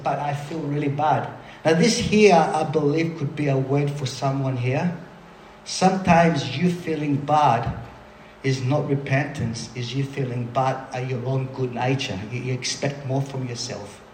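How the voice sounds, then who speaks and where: A man preaching a sermon in a lively, conversational way, breaking off for quick asides to the room. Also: a little high, slight background noise. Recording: roomy hall sound with faint ambience.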